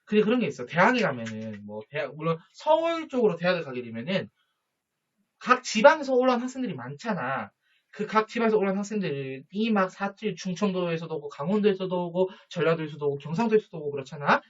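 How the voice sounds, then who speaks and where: Chatty teacher with a Daegu lilt. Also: male voice, high-pitched, sing-song, fast, lo-fi sound. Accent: Daegu Gyeongsang. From Daegu, South Korea. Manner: chatty, rambling, addresses students informally. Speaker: high school social studies teacher. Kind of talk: casual online lecture.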